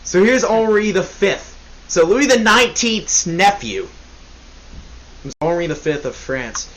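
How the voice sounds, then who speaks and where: A man's voice: high voice, lively intonation, measured pace, fairly bright tone, rough recording. A young man hosting a casual history podcast, rambling and joking, often correcting himself. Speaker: podcast host. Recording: faint hiss.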